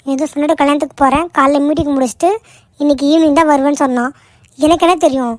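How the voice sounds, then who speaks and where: A woman voicing a sharp-tongued, scolding middle-aged mother in a cartoon. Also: high-pitched, fairly even intonation, rapid-fire, no room sound, natural voice. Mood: alarmed. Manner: nagging, sarcastic. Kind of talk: cartoon voice acting.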